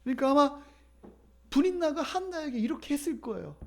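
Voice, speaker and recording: A man's voice: very high-pitched, lively intonation, brisk, creaky, darkish tone. A male pastor giving a conversational sermon, often asking the congregation questions.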